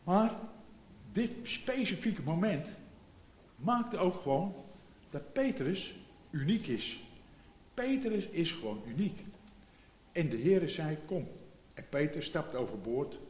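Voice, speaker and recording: A man's voice: a little high, sing-song, slow, pauses often, a little mellow. Older man preaching in an echoey room. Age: 70s. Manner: reflective, repeats phrases, emphatic rises. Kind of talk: sermon.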